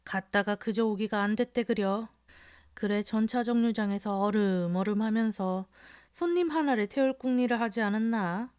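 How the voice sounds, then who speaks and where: A woman voicing a crude, drunken middle-aged male rickshaw puller in a storybook reading, shouting and cursing. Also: mid-range voice, normal speed, smooth, no echo, studio quality, lightly acted. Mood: mocking.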